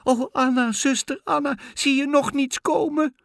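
A man voicing a frightened young wife who cries out in a high, shrill, trembling voice in a fairy tale. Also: moderate pace, dry recording, studio quality, natural voice.

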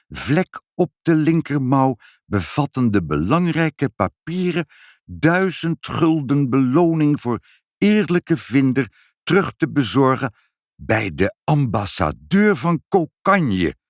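A man's voice: medium pitch, very animated, slow pace, dry recording, studio quality, pitched above the performer's own voice. A man voicing a plain, good-natured father in a storybook reading, matter-of-fact in manner. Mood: reading aloud.

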